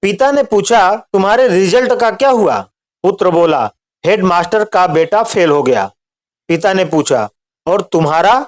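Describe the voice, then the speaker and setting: A man reading out a string of short jokes in a steady storytelling voice. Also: high voice, moderate pace, a little hiss or hum.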